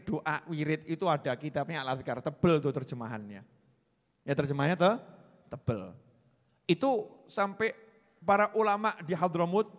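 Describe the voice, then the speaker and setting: A man preaches a joking, animated sermon in a high voice. His lines ring out with a long hall reverb. He teases the congregation and drops into phrases. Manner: joking, animated, mixes Javanese phrases, talks with audience. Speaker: Islamic preacher. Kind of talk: humorous religious sermon.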